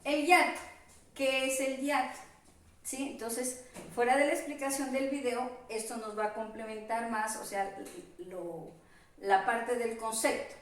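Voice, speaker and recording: Woman teacher for a virtual lesson, slow and careful, a bit high, far from the mic in a very echoey room. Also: fairly even intonation. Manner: slow, careful spelling-out of examples. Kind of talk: virtual class lecture.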